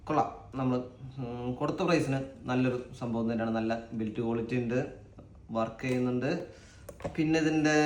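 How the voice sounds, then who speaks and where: A Malayali man with a mid-range, slightly mellow voice hosts an informal unboxing vlog, hesitating a little as he thinks aloud. The room is echoey, and there is faint background noise.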